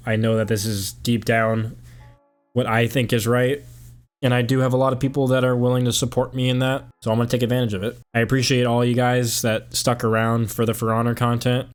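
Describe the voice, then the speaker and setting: A young man, a gaming YouTuber, talking casually and reflectively in a monotone over gameplay. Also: medium pitch, smooth.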